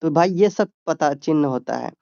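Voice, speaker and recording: A man's voice: fairly high pitch, expressive, moderate pace, creaky, darkish tone, no room sound, highs cut off. Man teaching a grammar exam-prep lesson. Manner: explains step by step, asking and answering his own questions. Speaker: exam tutor.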